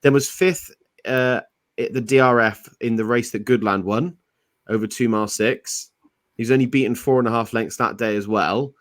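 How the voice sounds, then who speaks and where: Guy breaking down horse form, steady, dry close mic. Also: mid-range voice, moderate pace, no echo. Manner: detailed and form-focused. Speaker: racing tipster panelist. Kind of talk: casual podcast chat.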